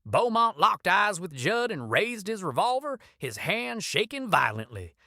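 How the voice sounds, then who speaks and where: Bright, dramatic woman storyteller. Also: medium pitch, sing-song, a little slow, no room sound, studio quality. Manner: intense, vivid storytelling. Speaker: narrator. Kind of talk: dramatic scripted narration.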